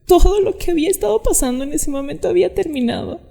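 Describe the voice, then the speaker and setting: A woman's voice: extremely high pitch, expressive, quick pace, creaky, dark tone. Young woman, earnest storytelling, camera mic outdoors, reverberant sound. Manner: earnest, acts out quoted voices. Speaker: vlogger sharing her testimony. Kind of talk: emotional personal storytelling.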